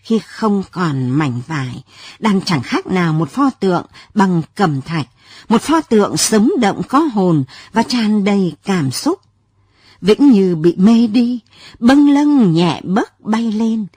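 Female narrator, lyrical late-night story reading, lively pitch, warm husky tone. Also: no echo, studio quality. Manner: soft, lyrical, unhurried reading.

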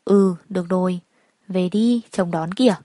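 A woman's voice: fairly low pitch, moderate pace, mellow, no echo, natural voice. Give me a blunt but caring young woman coworker who speaks to her friend with easy familiarity, voiced by a woman reading a storybook. She gets straight to the point, and the voice is dry and close. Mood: concerned.

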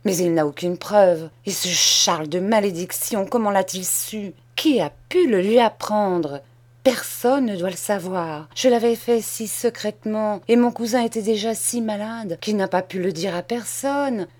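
A woman reading aloud and voicing a greedy, harsh old woman who scolds a boy in sharp, shrill outbursts. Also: animated, measured pace, lightly acted. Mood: anxious scheming. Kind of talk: audiobook character reading.

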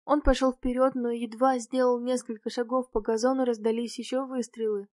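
A woman reading a novel aloud in the first person, with clear, expressive storytelling. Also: on the high side, brisk, no room sound, studio quality. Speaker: audiobook narrator.

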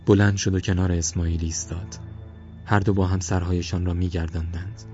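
A man narrating a novel as an audiobook in measured, even scripted storytelling, recorded with dull lo-fi sound and faint music. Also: sits low.

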